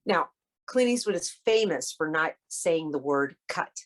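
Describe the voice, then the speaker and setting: A woman guest on an interview show, telling a story in a lively way and acting out the lines of the people in it. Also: low-pitched, measured pace. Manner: animated, acts out quoted dialogue. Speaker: guest actress.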